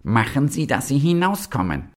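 A man's voice: mid-range voice, very animated, measured pace, pitched above the performer's own voice. A man voicing a spiteful, fussy male toadstool in a children's story, scolding shrilly. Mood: shrieking.

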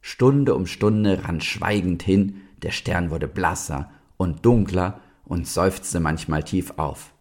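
A man reading a children's storybook aloud in an expressive, measured way. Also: deep voice.

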